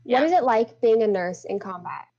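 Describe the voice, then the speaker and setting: 1940s radio hostess woman acting, highish pitch, lo-fi dull sound, gracious, polite interviewer. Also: lively intonation, moderate pace, dark tone.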